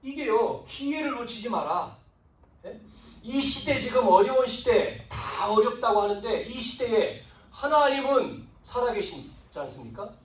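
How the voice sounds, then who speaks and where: A male pastor preaching a sermon, swinging between loud emphatic lines and hushed asides, acting out biblical figures in quoted speech. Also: very high-pitched, expressive, measured pace. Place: church sanctuary. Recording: roomy, distant church recording.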